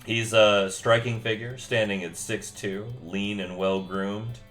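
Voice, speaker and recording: A man with a very deep, bright-toned voice runs a tabletop game, taking his time over every description. His narration is relaxed and chuckly. Faint music sits behind him. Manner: slow, descriptive, chuckles often. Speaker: game master.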